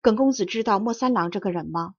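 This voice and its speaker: A woman's voice: medium pitch, fast talker, breathy edge, dry recording. A woman reading the lines of a young male messenger, sorrowful and imploring, in a dull lo-fi recording.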